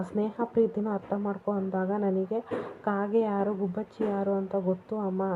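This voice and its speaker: Woman retelling a serial, tinny sound. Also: mid-range voice. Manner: retells scenes, voicing each character's lines in quotes. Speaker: serial episode recapper. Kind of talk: casual retelling of a TV serial episode. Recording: tinny phone-like audio, faint noise.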